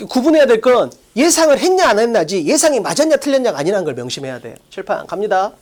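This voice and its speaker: An English exam-prep teacher giving an online lecture, coaching students with quick rhetorical questions in a casual, plain classroom way. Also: medium pitch.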